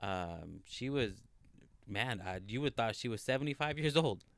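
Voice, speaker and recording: A man's voice: mid-range voice, animated, normal speed, creaky, dry recording. A man in his thirties co-hosting a podcast, telling stories in a chatty, earnest way with many fillers. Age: 30s. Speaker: podcast co-host. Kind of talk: casual chat.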